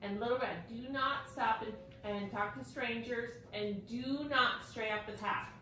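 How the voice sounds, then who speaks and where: A woman's voice: a little high, a little slow, bright, forceful tone. A woman as a stern, caring mother. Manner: warning, firm. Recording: distant, echoey, noisy home recording.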